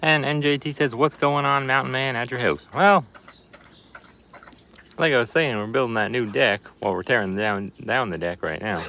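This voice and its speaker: A man's voice: medium pitch, moderate pace, vocal fry, bright, forceful tone, a little hiss or hum. Folksy man with a put-on Appalachian hillbilly accent. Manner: folksy hillbilly talk put on to disguise his voice. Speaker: livestream channel host. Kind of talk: casual livestream chat, reading out viewer comments. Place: outdoors in a backyard.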